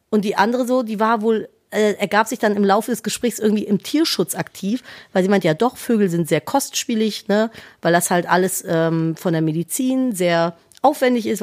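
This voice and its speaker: A woman telling a funny anecdote in casual podcast chat. She acts out the people she quotes and laughs a lot. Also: mid-range voice. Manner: animated, acts out quoted voices, laughs often. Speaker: podcast co-host.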